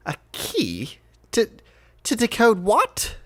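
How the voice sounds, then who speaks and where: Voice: wildly swooping pitch, takes it slowly, fairly bright tone, exaggerated voice. A game master voicing a grumpy male nobleman roused at night, irritable and prone to exclaiming. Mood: irritated. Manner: irritable, exclaiming, pitch leaping high. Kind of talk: tabletop role-play voice acting.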